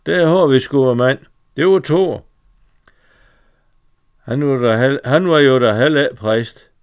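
A man's voice: medium pitch, clear, resonant tone, natural voice. A man voicing a fumbling, muddled older male farmer who searches for words as he reads a dialect story aloud. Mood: searching, eager.

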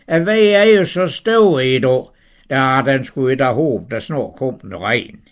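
A man's voice: sits high, pitched above the performer's own voice. A man doing eager old Abraham. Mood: welcoming. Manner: excited, warm welcoming.

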